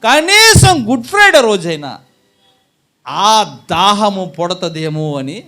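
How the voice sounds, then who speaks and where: A pastor delivers a sermon to his congregation in a strikingly high voice. He leads it with questions he answers himself. He acts out small scenes with a listener to make his point. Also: very animated, slow pace, pushed and bright. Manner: fires rhetorical questions at the congregation and answers them. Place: church service.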